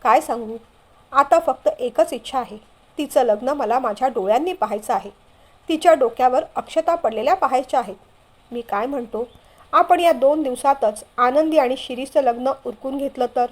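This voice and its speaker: A woman voicing a frail, dying older father who pleads softly with a sorrowful tone. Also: high voice, moderate pace. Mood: pleading, sorrowful.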